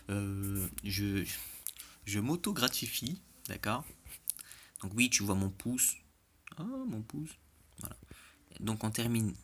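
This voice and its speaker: A man's voice: lowish voice, fairly bright tone, slight background noise. A man giving casual, joking commentary over game replays, chatty and often checking in with the listener. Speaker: clan war replay commentator.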